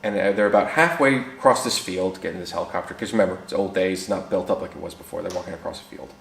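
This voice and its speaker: A man casually telling old racing anecdotes, animated and acting out the people he quotes, with relaxed fillers. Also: low voice, fast talker, vocal fry, echoey room. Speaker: former racing team mechanic telling stories. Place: workshop.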